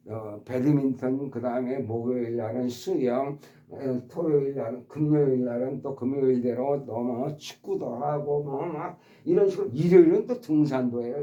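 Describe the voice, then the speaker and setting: Teaching English vocabulary, this man repeats every word, demonstrates how it's stressed, and speaks politely to his subscribers in an explanatory way. His voice is a little high and mellow. The recording is reverberant and lacks high frequencies.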